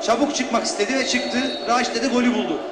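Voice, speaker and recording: A man's voice: extremely high pitch, steady tone, fast. A man giving unscripted match analysis as a football co-commentator. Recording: echoey, noisy stadium broadcast with crowd. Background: loud crowd and stadium noise.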